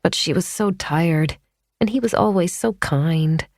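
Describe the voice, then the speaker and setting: A woman narrating a mystery thriller audiobook in a measured, tense storytelling manner. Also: on the low side, a little mellow, no echo. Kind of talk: scripted narration. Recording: dry studio audiobook.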